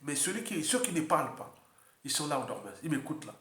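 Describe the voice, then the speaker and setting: A man with a Congolese French accent giving an unscripted political monologue, repeating himself and jumping to high exclamations. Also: quick pace, reverberant. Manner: animated, repetitive, jumps to high exclamations. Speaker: political commentator.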